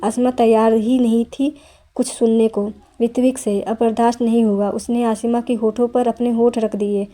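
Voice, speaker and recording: A woman narrating a romance novel aloud in a steady, plain reading voice with small restarts. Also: a little high, moderate pace.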